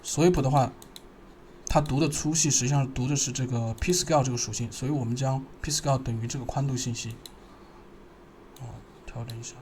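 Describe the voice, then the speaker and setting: A man narrating a screen-recorded software tutorial, thinking aloud and pausing as he works. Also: mid-range voice, steady tone, a little hiss or hum. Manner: thinking aloud, halting, pausing while working.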